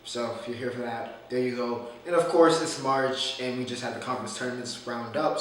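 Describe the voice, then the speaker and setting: A man's voice: fairly low pitch, fairly bright tone. Man with a groggy morning voice, echoey and distant. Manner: loose, rambling and opinionated, with restarts. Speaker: sports podcast host. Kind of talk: casual solo sports talk. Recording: echoey room, distant mic, faint noise.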